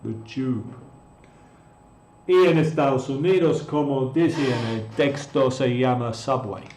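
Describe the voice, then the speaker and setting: Man, language teacher on a live stream, unhurried patient delivery, echoey room. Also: medium pitch, a little mellow, slight background noise. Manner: patient, repeats words, answers chat viewers. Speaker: English teacher. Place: room in Mexico.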